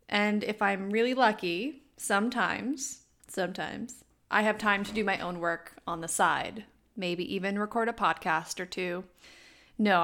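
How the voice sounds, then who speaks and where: A young woman with a Wisconsin accent and a nasal voice with some vocal fry, hosting a chatty, scripted solo podcast with playful, self-deprecating asides. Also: medium pitch, a bit bright. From Wisconsin, United States. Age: young adult. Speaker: podcast host.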